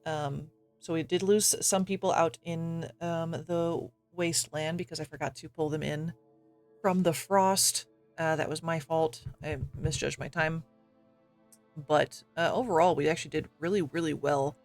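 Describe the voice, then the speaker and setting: A man chats casually on a live game stream while playing, with faint music underneath. His fairly high voice is steady and measured, slightly raspy from coughing and gravelly at the edges. He fills his talk with fillers and little self-deprecating laughs.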